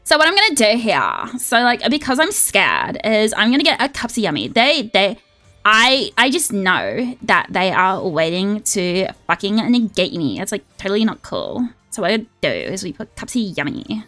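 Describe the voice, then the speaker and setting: Streaming a card game, a young woman keeps up excitable, casual chat, swearing freely and slipping into an affected valley girl voice. Her pitch is medium and her speed normal, and faint music can be heard in the background.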